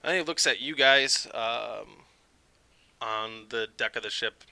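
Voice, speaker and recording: A man's voice: mid-range voice, takes it slowly, vocal fry, sharp tone, dry recording. A man running a tabletop game as game master, narrating the scene with frequent filler sounds.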